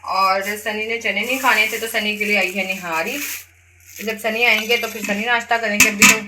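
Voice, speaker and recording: A woman's voice: mid-range voice, fairly even intonation, normal speed, very noisy. A young woman, a mother, chatting casually to her viewers in a rambling family vlog.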